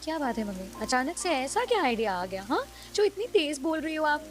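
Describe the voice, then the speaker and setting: A woman voicing an eager young daughter in a cartoon story, who asks questions in a high voice. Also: sing-song, a little fast, faint music behind.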